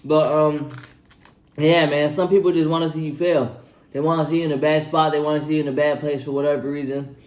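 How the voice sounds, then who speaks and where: Young man, twenties, slightly higher voice, loose slangy advice vlog, echoey room. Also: little pitch movement, brisk, a little mellow. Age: 20s. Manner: laid-back, slangy, repeats himself, tags lines with "bro". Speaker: vlogger giving life advice. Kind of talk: casual advice vlog while eating.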